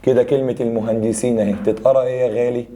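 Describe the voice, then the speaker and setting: A young adult man with an Egyptian accent teaching a grammar review lesson, explaining rules and firing quick questions at students. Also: medium pitch, flat delivery, warm tone, slight background noise. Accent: Egyptian Arabic.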